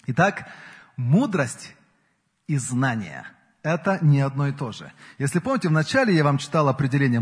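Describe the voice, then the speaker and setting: Husky man preaching in a hall. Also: on the high side. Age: 40s. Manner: earnest, rises and falls in emphasis. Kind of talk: sermon. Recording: long hall reverb.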